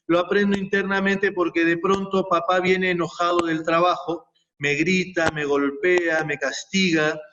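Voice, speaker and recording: A man speaking as a guest, explaining his ideas step by step and building them up in repeated lists. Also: high-pitched. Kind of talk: reflective explanatory talk. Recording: distant, muffled mic with faint noise.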